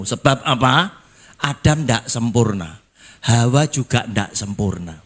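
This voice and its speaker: An older man with an East Javanese accent preaching a sermon as pastor, swinging from low quiet lines to sudden high emphatic calls, folksy in manner. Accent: East Javanese (Surabaya). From East Java, Indonesia. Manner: folksy, slipping into local Javanese phrases.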